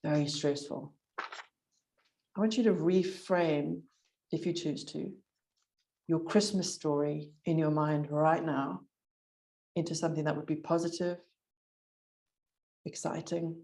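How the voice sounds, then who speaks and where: A woman with a low, mellow voice coaches a client in an encouraging, direct way. Her delivery is measured and unhurried, and a slight tremble from the cold runs through it. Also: steady tone. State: voice shaking from cold. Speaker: recovery coach. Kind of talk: coaching call.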